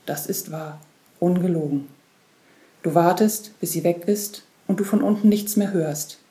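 A woman narrating a literary story in a quiet, measured way. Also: fairly low pitch. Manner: quiet, measured second-person telling. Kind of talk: literary reading.

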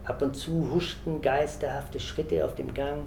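A man reading a novel aloud in a steady, measured way, in an echoey room. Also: a little high, creaky, slight background noise. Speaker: reader.

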